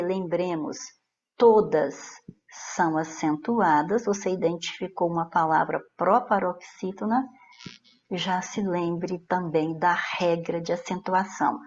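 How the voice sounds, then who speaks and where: A woman's voice: mid-range voice, a little mellow. Brazilian woman teacher explaining exam answers, often checks in with listeners, slightly muffled audio. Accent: Brazilian Portuguese. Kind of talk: exam-prep grammar lesson.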